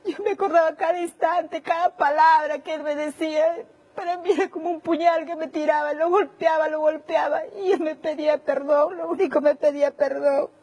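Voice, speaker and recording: A woman with a high voice gives emotional testimony in a television interview. She is distraught, circles back over the same words, and her voice keeps cracking into tears. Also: steady tone, fairly quick, few pauses, darkish tone, low-quality recording. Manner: distraught, repeating herself, voice breaking into tears. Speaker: interviewee, a mother.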